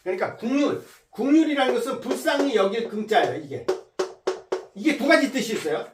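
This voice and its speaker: High, lively male teacher in a roomy space. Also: recorded from a distance, over music. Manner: explains slowly, drills pronunciation by repeating words. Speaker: English teacher. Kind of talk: online lecture on Bible verses in English.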